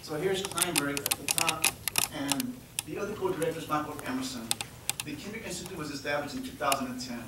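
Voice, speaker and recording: A man's voice: fairly high pitch, a little fast. A man in his fifties from Texas, hosting and introducing a presentation to an audience in a friendly, joking way, sometimes repeating words. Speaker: event host and presenter. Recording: echoey hall from far off, with noise.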